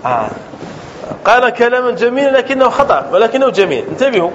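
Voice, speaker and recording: A man with a high, lively voice teaching a grammar lesson, often pausing to ask his students whether it is clear. The recording sounds dull and lo-fi, with a faint hiss behind him. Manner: checks understanding often with repeated questions. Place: classroom.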